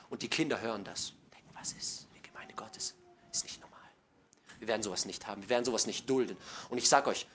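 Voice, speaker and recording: A middle-aged man preaching a sermon to his congregation, folksy and joking, dropping to hushed asides and then building to loud, emphatic passages. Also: mid-range voice, slight background noise. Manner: folksy, joking, addresses listeners directly.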